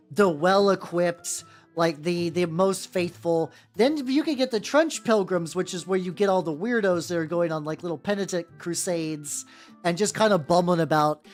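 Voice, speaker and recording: This VTuber has a voice on the low side with a darkish tone, and she chats loosely and profanely while painting miniatures. Her casual livestream talk rambles as she reacts to and answers her chat. Faint music sits in the background.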